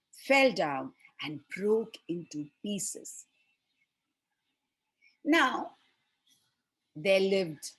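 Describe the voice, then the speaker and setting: A woman telling a fairy tale to children speaks expressively in a mid-range, slightly rough voice. She places deliberate, dramatic pauses between short phrases, as a storyteller for children.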